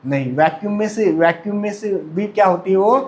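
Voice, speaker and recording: A man's voice: sits high, fairly quick, a little mellow, a little hiss or hum. A male chemistry teacher lecturing a classroom. He asks the students questions, answers them himself, and calls on them to speak up. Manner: repeats questions and answers them himself, mixing Hindi and English.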